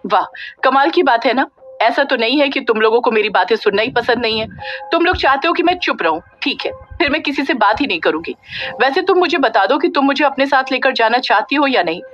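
A woman's voice: fairly high pitch, lively intonation, a bit bright. Ananya, a snappish young woman, read by a woman narrator. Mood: sulky irritated. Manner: huffy, rapid complaining. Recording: dull lo-fi audio with faint music.

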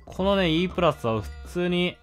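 A man casually commenting while playing a video game, with low mumbled asides. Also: lively intonation, normal speed, soft background music. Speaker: game streamer. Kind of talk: casual let's-play commentary.

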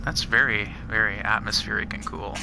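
Gravelly low-voiced man commenting on gameplay. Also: steady tone, normal speed, noisy background. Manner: easygoing, muttering reactions to finds. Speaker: gamer playing a custom map. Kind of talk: casual let's-play commentary.

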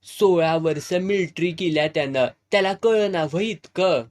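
A man's voice: a little high, normal speed, a little mellow, lightly acted. A man voicing an old village mother who coaxes and reassures, proud of her son, in a storybook reading. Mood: reassuring.

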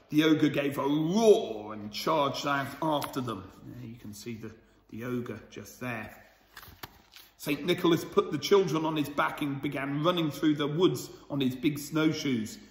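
A man's voice: mid-range voice, unhurried. Man reading a children's story aloud. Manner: gentle, chatty, asks the listeners questions. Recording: roomy with long reverb.

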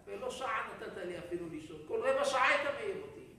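Man doing a frail older mother, quiet pleading voice, bright tone, echoey hall. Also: sits high, lively intonation, a little hiss or hum, exaggerated voice. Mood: reproachful. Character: elderly mother, soft-spoken and gently demanding. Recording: echoey hall, speaker far from the mic.

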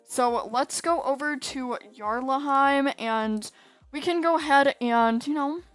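Brief: high-pitched woman for casual gaming commentary, talkative and quick to exclaim in frustration. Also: no room sound, faint music behind. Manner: chatty, often exasperated, exclaims a lot. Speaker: gaming YouTuber.

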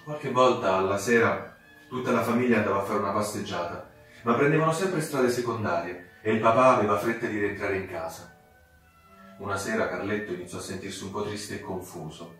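A man narrating a fairy tale for children with expressive, dramatic delivery. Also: on the low side, brisk. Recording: very echoey room, distant mic, soft music.

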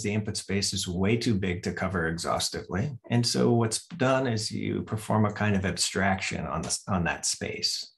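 A middle-aged man giving an academic keynote lecture over slides from a home office on a video call, explaining step by step with frequent pauses and self-corrections. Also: lowish voice, creaky. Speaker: professor giving a keynote talk.

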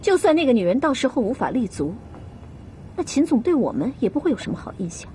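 A woman's voice: high-pitched, very animated, fast, warm tone, a little hiss or hum. Sex: woman. Figure: cool, scheming woman. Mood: scornful, calculating. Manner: condescending, calculating.

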